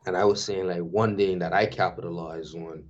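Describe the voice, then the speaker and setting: A man's voice: low-pitched, steady tone, moderate pace. A Bermudian man guesting on a talk show, chatting in a loose, street-casual way. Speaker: guest, DJ and culture worker. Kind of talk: casual podcast chat. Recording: dull lo-fi sound.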